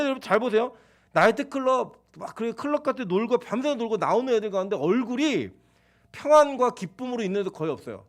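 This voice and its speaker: Animated high-voiced male pastor. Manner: animated, conversational preaching with playful acted-out quotes. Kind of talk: sermon.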